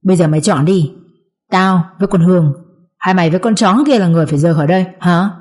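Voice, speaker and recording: A woman's voice: fairly low pitch, fast, close to an everyday voice. Woman voicing a spiteful scolding mother-in-law. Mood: contemptuous. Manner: wailing, abusive shouting. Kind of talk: audiobook drama reading.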